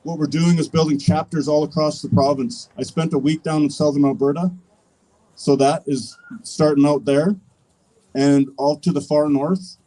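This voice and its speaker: A man with a Canadian accent giving a political rally speech as an activist, in earnest, measured, declarative phrases. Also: fairly high pitch, fairly even intonation, mellow, rough recording. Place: public rally, speaking to an audience.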